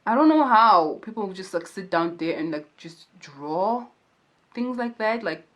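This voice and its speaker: A woman's voice: medium pitch, animated, a little slow. Chatty young woman with slangy asides. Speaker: true crime and makeup YouTuber. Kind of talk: casual storytelling commentary.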